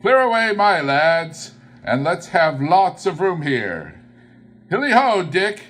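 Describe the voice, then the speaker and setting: A man's voice: high voice, sing-song, slow pace, a bit bright, pitched above the performer's own voice, heavily acted. A man voicing a jovial, fat old merchant in a storybook, calling out heartily in a rich, oily voice. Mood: jovial, exuberant.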